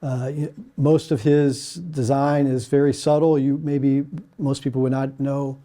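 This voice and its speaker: A man's voice: medium pitch, flat delivery, unhurried, mellow. A middle-aged man from Kentucky, a landscape architect, talking casually in an interview with many fillers and restarts.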